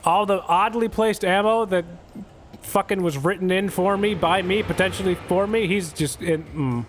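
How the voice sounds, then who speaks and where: During live gameplay commentary, a young adult man cracks sarcastic, foul-mouthed jokes and rambles as he plays. His voice sits high at a normal speed, with a little hiss or hum in the recording.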